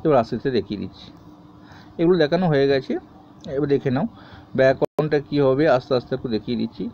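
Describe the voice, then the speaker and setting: A man teaching a grammar lesson to students, reading each question and then explaining the answer in a steady tone. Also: medium pitch, fast, dull audio, a little hiss or hum.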